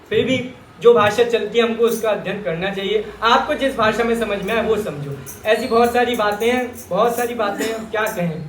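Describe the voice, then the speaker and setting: A man's voice: high voice, a bit bright, a little hiss or hum. A man from Rajasthan teaching Jain scripture to a live audience in a chatty, joking way, often calling his listeners brother. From Rajasthan, India. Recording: echoey hall with faint ambience.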